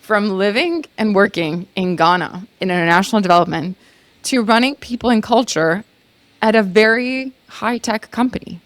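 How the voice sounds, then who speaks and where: A woman's voice: mid-range voice, normal speed, no room sound. A woman from Croatia, hosting a podcast interview in a chatty way, asking questions with asides. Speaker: podcast host.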